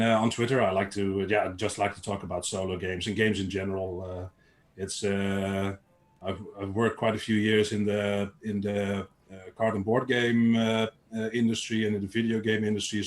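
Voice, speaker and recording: A man's voice: lowish voice, flat delivery, normal speed. A man chatting casually as a panel guest, hesitant and often repeating words. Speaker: solo gaming resource creator, panel guest.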